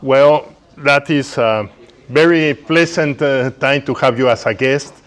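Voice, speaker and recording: With a mid-range voice and a measured pace, this male host, whose first language isn't English, leads a casual, encouraging live interview at a community tech workspace event.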